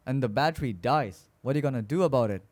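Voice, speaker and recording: A man co-hosting a podcast in a relaxed, rambling chat, with a voice of middling pitch. He tells stories loosely, full of fillers and restarts, and English is not his first language. The recording is close and dry, with no room sound. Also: quick pace, dry recording. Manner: chatty, loose storytelling with many fillers and restarts. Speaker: podcast co-host. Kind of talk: casual chat.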